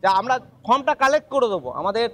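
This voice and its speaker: Male interviewee, West Bengal Bengali accent, very high pitch, hesitant explanatory talk. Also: sing-song, fast, sharp tone. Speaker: booth-level election worker. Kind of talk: unscripted press interview.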